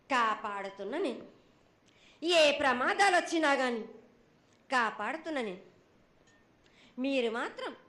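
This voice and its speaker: A woman's voice: a little high, a bit bright. A woman speaking as a goddess in a prophetic trance voice, in short, broken, repetitive phrases, stern and admonishing. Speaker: oracle delivering temple festival prophecy. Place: temple festival.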